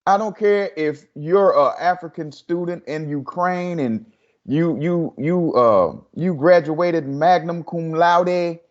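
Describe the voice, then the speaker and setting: Man with halting restarts, slightly dull audio. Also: fairly high pitch. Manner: hesitant restarts, then forceful and repetitive. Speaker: podcast co-host. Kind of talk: casual discussion.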